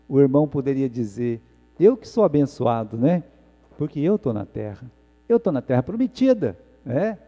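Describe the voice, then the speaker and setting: A Brazilian pastor delivers an emphatic sermon, his fairly high voice dark and mellow in tone. He fires off rhetorical questions and drops to quiet asides between loud peaks. The sound rings with the long reverb of a church hall. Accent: Brazilian Portuguese. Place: church sanctuary.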